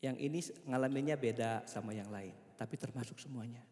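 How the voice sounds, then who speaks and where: A man's voice: medium pitch, a little fast. A male pastor preaching a sermon, questioning the congregation and drawing answers back. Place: church sanctuary. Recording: church hall reverb with soft music.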